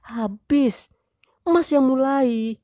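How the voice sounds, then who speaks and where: A woman voicing a sharp-tongued young wife in an audio story, shrill and sarcastic as she argues with her husband. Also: drawn-out words, dry recording, studio quality. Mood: indignant. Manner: shrill, sarcastic, rising indignation.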